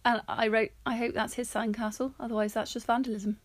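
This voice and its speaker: A woman's voice: fairly high pitch, flat delivery, brisk, dry recording. A woman co-hosting a casual film review chat, talking through her notes with frequent laughter. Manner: chatty, reads out her notes, often laughs. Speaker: podcast co-host.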